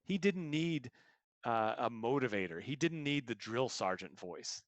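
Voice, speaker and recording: Speaking unhurriedly in an animated, mid-range voice, this man is a guest coach on a podcast. He lays out his ideas earnestly using stories and examples, and the audio has no echo.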